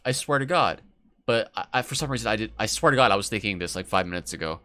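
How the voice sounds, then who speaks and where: Brief: man, let's-play commentator, low-ish voice, rambly and sweary. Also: lively intonation, fast, pushed and bright. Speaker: gameplay commentator.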